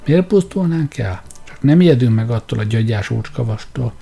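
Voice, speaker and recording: A man voicing a bold, scornful male engineer who speaks forcefully. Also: mid-range voice, expressive, vocal fry, slightly rough, faint music behind. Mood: defiant. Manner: brash and forceful.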